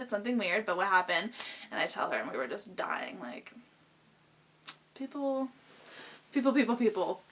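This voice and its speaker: A young woman in her twenties telling funny stories to camera in a casual vlog, chatty and animated, laughing often and saying "like" a lot. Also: medium pitch. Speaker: beauty vlogger.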